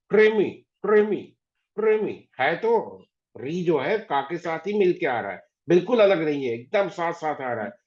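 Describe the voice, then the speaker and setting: A man teaching an online class, patiently repeating words slowly to drill pronunciation. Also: on the high side, a little mellow. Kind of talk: online class on Hindi spelling. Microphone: video call. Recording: dull lo-fi video call audio.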